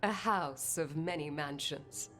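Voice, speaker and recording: A woman's voice: sits low, takes it slowly, fairly bright tone. A woman playing a stately, commanding member of a necromancer order in a video game, speaking formally and with measure. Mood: formal, composed. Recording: music under the voice.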